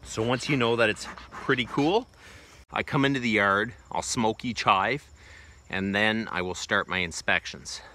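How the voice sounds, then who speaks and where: Speaking a little slowly, a man in his forties with a voice on the low side, pushed and bright, shows how something is done for his homesteading vlog. A little hiss or hum sits under his casual, plainspoken talk, which is heavy with loose fillers. He's outdoors in a wooded bee yard, filmed on a close-held phone, with crickets and insects behind him.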